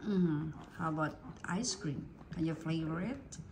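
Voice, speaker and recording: A woman's voice: sits low, lively intonation, unhurried, a little mellow, a little hiss or hum. A woman off camera in a living room at home, chatting casually as a parent, with short questions and murmured acknowledgements. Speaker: parent prompting a child on camera. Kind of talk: casual chat. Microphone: camera mic, speaker off screen.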